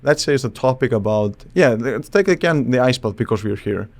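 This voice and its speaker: A man from Iceland, a psychologist guest on a podcast, explaining in a thoughtful, halting way with frequent restarts. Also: medium pitch, animated, vocal fry. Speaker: psychologist and charisma expert guest. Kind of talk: casual podcast interview.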